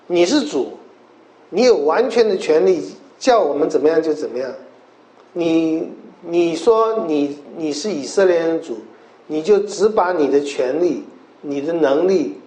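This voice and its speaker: Preacher in an echoey room. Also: male voice, lively intonation, normal speed, warm tone. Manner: acts out biblical quotes with sudden pitch jumps. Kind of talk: sermon.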